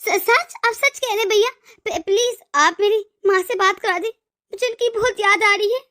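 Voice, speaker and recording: A woman's voice: very high voice, moderate pace, sharp tone. A woman voicing an emotional young wife and devoted daughter in a cartoon story, often stammering over her words. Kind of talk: cartoon voice acting.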